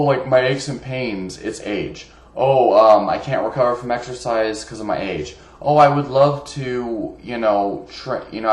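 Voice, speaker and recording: A man talking casually about fitness in a rambling way, with many fillers and restarts. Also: lowish voice. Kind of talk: casual monologue. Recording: echoey room.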